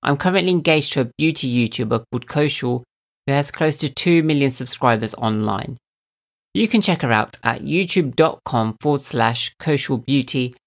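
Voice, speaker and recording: A man with a nasal, slightly squeaky voice hosting a podcast. He gives a calm, reflective self-help monologue and speaks straight to the listener. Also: moderate pace, gravelly. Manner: calm, thoughtful, addresses listener directly. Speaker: podcast host.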